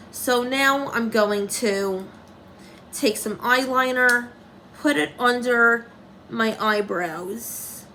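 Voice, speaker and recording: A woman's voice: a little high, a bit bright, a little hiss or hum, low-quality recording. A young woman talking through a casual makeup tutorial, rambling and commenting on herself, with dry sarcastic asides.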